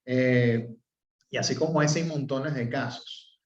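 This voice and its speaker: A man's voice: mid-range voice, unhurried. Man, Venezuelan accent, professor giving a lecture, echoey room, distant dull recording. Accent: Venezuelan Spanish. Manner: explanatory, frequent "eh" and checking "¿ok?". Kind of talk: open class lecture. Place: classroom. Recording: roomy, distant, dull sound.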